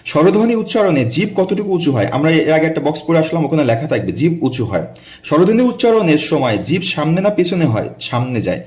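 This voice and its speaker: A man teaching an online class, explaining step by step and repeating vowel sounds slowly so the students can copy them. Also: fairly high pitch, darkish tone, roomy sound. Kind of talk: recorded online lesson.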